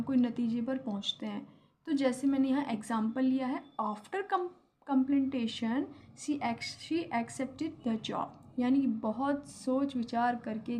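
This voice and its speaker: A woman's voice: sits high, darkish tone, slight background noise. A young Indian woman teaching English vocabulary, explaining each word patiently with examples. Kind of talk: vocabulary lesson in Hindi.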